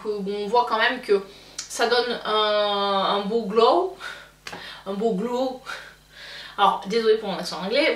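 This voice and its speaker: Woman beauty vlogger, fairly high voice, hesitant and chatty, mic set back in an echoey room. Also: a bit bright, distant mic. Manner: hesitant, many fillers and restarts. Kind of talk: casual product review.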